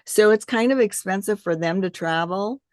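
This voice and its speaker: A woman's voice: medium pitch, normal speed, dry recording, clean studio sound. An older woman hosting a casual, conversational interview. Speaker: interview host.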